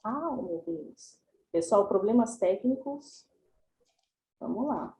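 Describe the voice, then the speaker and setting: A woman presents a class online, chatty and explanatory. Her voice sits fairly high with a mellow, soft tone. The video call picks up a roomy echo. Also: expressive, slow, gravelly. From São Paulo, Brazil. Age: 30s.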